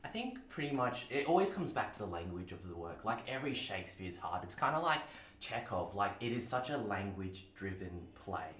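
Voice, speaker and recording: Chatty young Australian man, low-voiced, echoey. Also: very animated, brisk, fairly bright tone. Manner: chatty, peppers speech with "like". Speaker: actor being interviewed. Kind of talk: casual interview chat. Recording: echoey room with faint noise.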